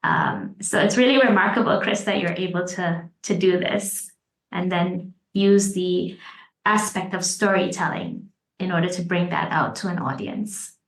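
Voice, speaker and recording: A woman co-hosting a podcast, praising her guest with laughter and small pauses. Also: fairly low pitch. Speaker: podcast co-host. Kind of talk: casual interview. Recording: roomy echo.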